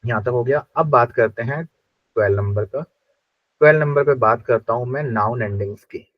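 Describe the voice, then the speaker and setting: A man gives a classroom lesson, drilling sounds slowly and saying each word again and again. His voice is dry and close, and the recording is dull and lo-fi. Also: medium pitch, no echo. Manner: slow repetitive drilling of pronunciation. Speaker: German language teacher.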